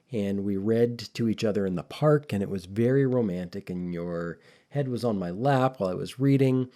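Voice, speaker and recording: A man's voice: fairly low pitch, warm tone. A man co-hosting a podcast, talking casually and thoughtfully, rambling with frequent restarts. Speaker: podcast co-host.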